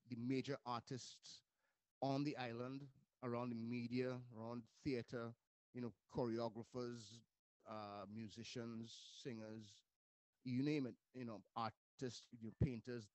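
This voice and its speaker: Relaxed Trinidad-born man, dry sound. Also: mid-range voice, no echo. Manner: relaxed, rambling with restarts. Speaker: interview guest, music producer. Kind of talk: casual interview chat. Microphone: video call.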